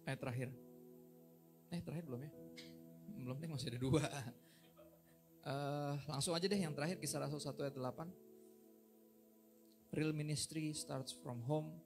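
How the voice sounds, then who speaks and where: Male pastor, middle-aged, casual joking sermon, slightly high voice, music behind. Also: fairly quick, long pauses. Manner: casual and joking, mixes English phrases, rises loud and high when excited. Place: church hall.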